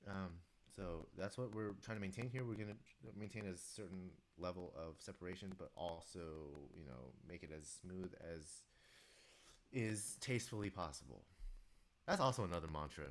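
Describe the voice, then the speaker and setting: Deep stuffy-nosed guy chatting to his stream while he composes, kinda hoarse throat. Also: fairly quick, hardly any pauses. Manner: chatty, talks to viewers and reads their chat aloud. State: stuffy nose; sore throat. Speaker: music composer streaming live. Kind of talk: casual live-stream commentary while composing.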